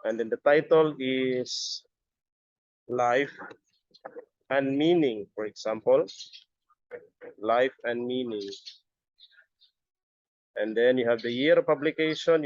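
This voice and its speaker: A middle-aged man giving a step-by-step software tutorial as an instructor, halting and often repeating his words. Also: mid-range voice, no echo. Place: busy area, on a video call or webcam setup. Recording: dull lo-fi audio.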